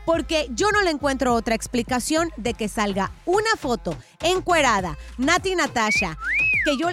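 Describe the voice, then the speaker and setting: A woman's voice: sits high, very animated, moderate pace, fairly bright tone. A woman hosting a radio gossip segment in a casual, playful and theatrical way. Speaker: radio entertainment gossip host. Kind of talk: casual celebrity gossip commentary. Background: faint music.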